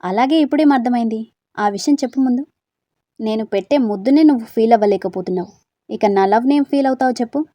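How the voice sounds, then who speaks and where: Surya is a hurt, brooding young man from a spoken storybook, curt and reproachful as he breaks things off, voiced by a woman narrator. The voice is somewhat high and mellow, close and dry. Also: fast, no echo, natural voice.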